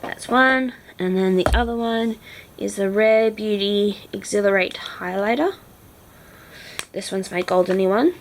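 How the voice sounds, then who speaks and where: Woman doing her makeup on camera, slow chatty talk with a gravelly edge, slips into whispers, bit of hiss behind. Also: mid-range voice, low-quality recording. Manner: chatty, drops into half-whispers while concentrating. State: teary-eyed. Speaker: makeup vlogger. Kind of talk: casual makeup tutorial chat.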